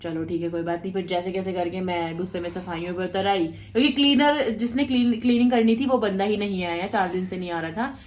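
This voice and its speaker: A woman vlogger in casual storytelling to camera, chatty and animated, talking straight to her viewers. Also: on the low side, a little fast, hardly any pauses.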